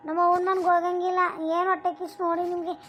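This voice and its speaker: A woman voicing a tired young daughter-in-law in a cartoon, exasperated and sharp as she complains about her chores. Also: extremely high pitch, monotone, very fast, noisy background. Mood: resentful. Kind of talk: cartoon voice acting.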